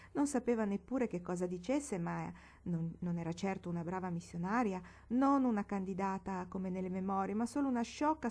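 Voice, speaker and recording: A woman narrating a literary audiobook with expressive, dramatic storytelling. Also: medium pitch. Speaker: audiobook reader.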